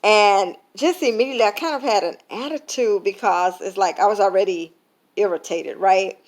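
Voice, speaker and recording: A woman's voice: medium pitch, normal speed. A tired woman talking casually to camera, full of fillers, retelling an everyday story with quoted lines. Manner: conversational, many fillers, retelling with quoted dialogue. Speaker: vlogger sharing a faith lesson. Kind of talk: casual reflective talk to camera.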